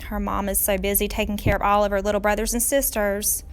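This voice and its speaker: Speaking at a medium pitch, a woman performs a children's storybook like a teacher would, shaping each line with deliberate, dramatic expression for young ears.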